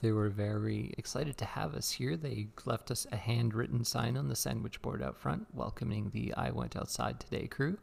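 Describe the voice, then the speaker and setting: A man's voice: mid-range voice, moderate pace, creaky, hardly any pauses, a little hiss or hum. A man co-hosting a podcast, talking casually and reading aloud into a good microphone inside a church. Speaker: podcast co-host.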